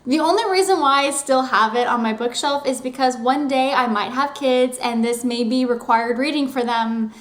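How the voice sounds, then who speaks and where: A woman's voice: high-pitched, normal speed, hardly any pauses. A young woman hosting a book vlog, talking casually and rambling with lots of "like" fillers. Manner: chatty and rambling, heavy use of "like". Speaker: book vlogger. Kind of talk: casual chat to camera. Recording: roomy echo.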